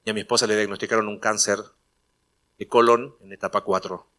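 A man's voice: lowish voice, fairly even intonation, fairly quick, bright, forceful tone. A man preaching a sermon, telling a personal story in a conversational way and acting out the dialogue before building to emphatic preaching. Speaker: pastor.

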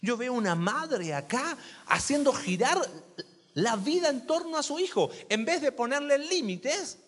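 A man's voice: very high-pitched, expressive, a little slow, fairly bright tone, in a large hall. A man preaching a sermon in a church, chatty and full of questions to the congregation. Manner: conversational, asks the congregation questions. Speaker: pastor.

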